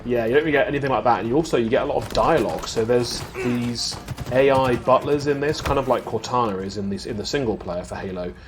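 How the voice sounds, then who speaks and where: A man's voice: mid-range voice, fast talker. A man co-hosting a live games show, chatting casually over gameplay footage, laughing often and restarting sentences with lots of ums. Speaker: co-host of weekly games show.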